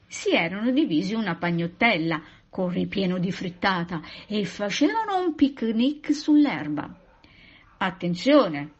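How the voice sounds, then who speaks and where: Expressive woman teacher reading a story. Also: mid-range voice, breathy edge. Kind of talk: storybook read-aloud. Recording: muffled lo-fi recording.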